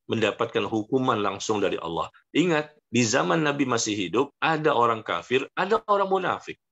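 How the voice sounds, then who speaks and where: A man's voice: fairly high pitch, gravelly, bright, forceful tone. A man preaching a sermon to a congregation, earnestly warning and rising to emphatic peaks.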